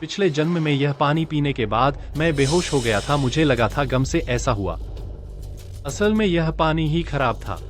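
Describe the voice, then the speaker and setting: A man's voice: a little high, animated, normal speed, soft background music, natural voice. An actor playing a young husband who grieves his wife, his pleading disbelief giving way to a cold, calculating edge, in a dubbed drama.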